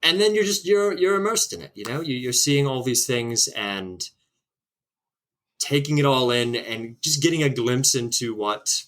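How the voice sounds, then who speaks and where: A man's voice: mid-range voice, lively intonation, moderate pace, fairly bright tone, close to an everyday voice. A man putting on a posh British accent as he talks about history, with many hesitant ums. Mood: earnest.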